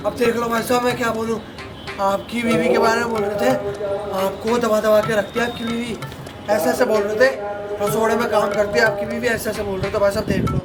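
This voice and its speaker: A man's voice: sits high, flat delivery, a little fast, natural voice. A man playing a gossipy meddling neighbor. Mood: tattling. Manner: repeats "brother" every phrase, gossipy. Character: gossiping middle-aged male neighbor, meddling and insistent. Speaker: comedy sketch actor. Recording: loud background music.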